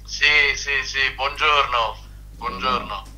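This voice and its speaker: A man talking over a speakerphone from his car as a club president, formal and measured as he calls in to a press conference. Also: medium pitch, bright, forceful tone, rough recording. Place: in a moving car.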